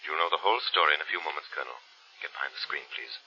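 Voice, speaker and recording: An actor playing an ominous, commanding invisible detective in an old AM radio drama, with theatrical formal diction. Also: male voice, very deep voice, racing, sharp tone, a little hiss or hum, exaggerated voice. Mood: calm command. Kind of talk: 1940s radio drama acting. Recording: dull vintage AM radio recording.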